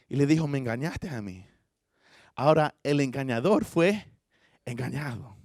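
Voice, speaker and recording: A man's voice: a little high, dry recording, studio quality. A male pastor, preaching a sermon and telling the story with acted-out lines. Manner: storytelling, acting out the characters' lines.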